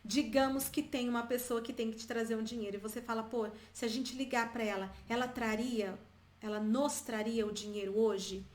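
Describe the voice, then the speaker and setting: A Brazilian woman teaching English to viewers, chatty and repeating example phrases slowly for learners. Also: fairly high pitch, steady tone, reverberant. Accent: Brazilian Portuguese. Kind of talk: bilingual English lesson, addressing viewers.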